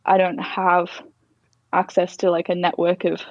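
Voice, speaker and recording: A woman's voice: lowish voice, completely flat delivery, measured pace, no room sound. Young woman from Durham, posh English accent with northern short A's, reflective and conversational, close dry sound, a little muffled. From Durham, northern England. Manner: chatty, reflective. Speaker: interview guest, Oxford student. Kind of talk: casual conversation.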